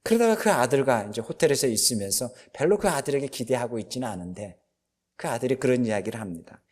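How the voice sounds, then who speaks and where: A man's voice: medium pitch, lively intonation, quick pace, darkish tone. A male pastor preaching a sermon, retelling a film's story in a conversational way with frequent fillers.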